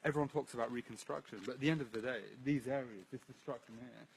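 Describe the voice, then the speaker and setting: A man's voice: medium pitch, fairly even intonation, fast talker, vocal fry, slight background noise, rough recording. A man born in London to a Syrian family, earnestly explaining old ruined buildings outdoors as he walks a livestream through them, often repeating words. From British Syrian, born in London. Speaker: local guide. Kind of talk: casual walking chat on a livestream.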